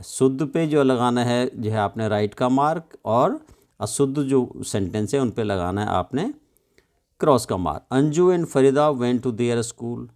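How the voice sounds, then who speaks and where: A man's voice: medium pitch, darkish tone. A man teaching children English in Hindi, spelling out words letter by letter and explaining each one patiently with frequent check questions.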